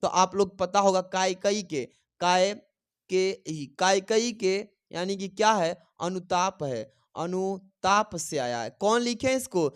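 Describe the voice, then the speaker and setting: A man's voice: sits high, animated, slow pace, clear, resonant tone. A man tutoring students for a Hindi exam. He asks a question, answers it himself and repeats the key answers so they can be written down. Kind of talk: exam-prep teaching.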